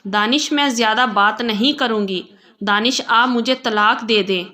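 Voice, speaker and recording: Woman doing a heartbroken young wife in a storybook, pleading, teary, bright highish voice. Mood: tearful pleading. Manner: pleading, tearful.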